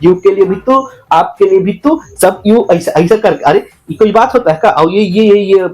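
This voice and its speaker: A man's voice: high-pitched, moderate pace, darkish tone, lo-fi sound, natural voice. A man playing an ignorant, boastful political devotee in a satirical comic monologue, speaking rustic broken with an indignant, mocking manner.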